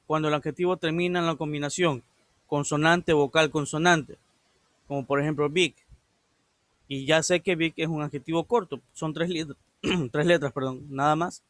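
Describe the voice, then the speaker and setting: A man's voice: fairly high pitch, steady tone, moderate pace, a bit bright, no echo. A male English teacher giving a recorded lesson, patiently explaining and repeating grammar rules step by step. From Ecuador.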